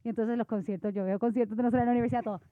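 Una mujer de Puerto Rico con acento puertorriqueño, que conversa animada y entre risas, mezclando palabras en inglés. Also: female voice, fairly high pitch, racing, no echo. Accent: Puerto Rican Spanish. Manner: lively, laughing, mixes in English words. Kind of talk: casual chat. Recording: phone-like, dry sound.

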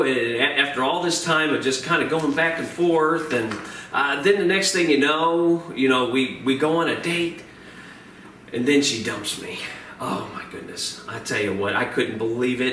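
A man in his forties preaching a sermon as pastor, talking in a halting way, often repeating words and filling pauses with uh. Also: medium pitch, fairly bright tone. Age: 40s. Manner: hesitant, repeats words and fills with uh. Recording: roomy, distant mic with faint noise.

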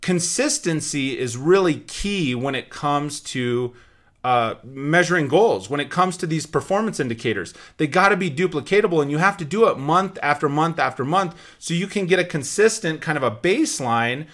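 A man's voice: on the high side, animated, moderate pace, fairly bright tone. A man hosting a business show, speaking as a sales trainer in an emphatic, instructive way and repeating key points. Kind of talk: motivational business talk to an audience.

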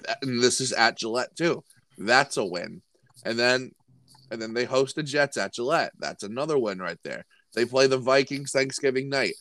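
A man's voice: mid-range voice, expressive, normal speed, a bit bright, no echo. A man co-hosting a sports podcast in casual chat, often restarting his sentences. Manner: repetitive, stumbling restarts. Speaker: podcast co-host.

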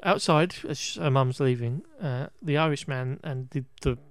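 A man's voice: mid-range voice, normal speed, dry recording. Wry, rambling man on a podcast. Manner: rambling, wry and exasperated, with frequent restarts and laughs; occasional swearing. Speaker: podcast host recapping a film. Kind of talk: casual chat.

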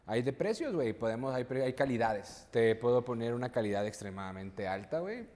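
A man's voice: mid-range voice, animated, fairly quick, a little mellow. Slangy Mexican man, roomy reverb. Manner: slangy, swears freely, ends phrases with "güey". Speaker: guest, business owner. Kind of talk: casual podcast chat. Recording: hall reverb, faint room noise.

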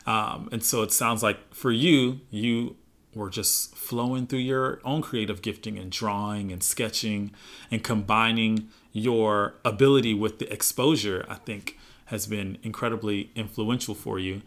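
A man hosting an interview, asking thoughtful, affirming questions in a relaxed conversational way. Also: lowish voice, unhurried. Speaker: podcast host.

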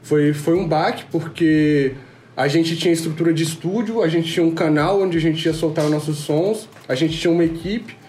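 Podcast guest: twenties, from Rio, laid-back slangy storyteller, echoey room. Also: male voice, on the high side, normal speed, darkish tone. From Rio de Janeiro, Brazil. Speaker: podcast guest, music producer. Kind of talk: casual chat. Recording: roomy, faint background noise.

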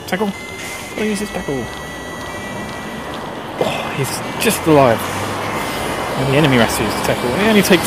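A man's voice: fairly high pitch, heavy background noise. A man with a mild Essex English accent giving casual, rambling game commentary, chattily talking to himself as he plays. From Essex, England. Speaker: host of a gaming series. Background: music.

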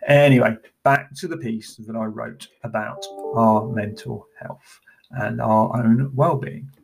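A middle-aged man speaks in an easygoing, conversational monologue at a mid-range pitch. He often fills pauses with ums and uhs and restarts his sentences, then reads a written piece aloud in the same plain voice. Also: fairly even intonation, creaky, faint music behind. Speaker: blogger and podcaster in the golf turf industry. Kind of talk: casual spoken monologue, then reading an article aloud.

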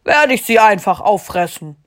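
A woman doing a loud blustering storybook giant. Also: mid-range voice, animated, normal speed, lightly acted. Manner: loud, blustering, whining when in trouble. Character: big dumb boastful male giant. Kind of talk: reading a storybook aloud.

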